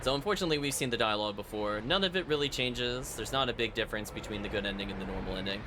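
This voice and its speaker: A man live-streaming a video game races through his words in a low-leaning voice, thinking out loud and chatting to viewers. The background is noisy, with video game music playing.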